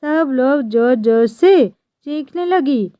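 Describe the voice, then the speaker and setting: A woman narrating a scripted family story in a plain, even storytelling manner. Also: high voice, takes it slowly, no room sound.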